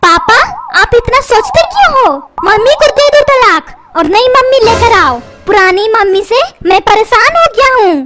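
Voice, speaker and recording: एक महिला कार्टून में बदतमीज़, मुँहफट स्कूली लड़के की आवाज़ दे रही है, जो पलटकर जवाब देता है।. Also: female voice, very high-pitched, expressive, moderate pace, loud music behind the voice. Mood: cheeky. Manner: sassy, talks back, threatens. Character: cheeky rude cartoon schoolboy son. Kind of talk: comedy cartoon dubbing.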